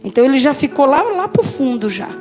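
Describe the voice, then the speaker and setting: A Brazilian woman pastor giving a personal testimony, telling her story in a lively way and addressing the listeners as brothers and sisters. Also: high-pitched, fast talker, soft background music. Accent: Brazilian Portuguese.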